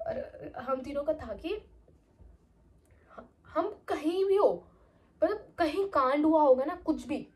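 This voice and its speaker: A young woman chatting casually as a vlogger, telling an animated storytime tale. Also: high-pitched, takes it slowly, long pauses. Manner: animated, slips into quoted voices.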